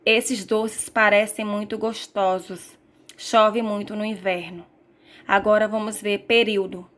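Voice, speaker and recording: Flat-voiced Brazilian woman teaching grammar. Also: medium pitch, measured pace. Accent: Brazilian Portuguese. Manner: reads slides aloud with self-corrections. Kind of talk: recorded grammar lesson.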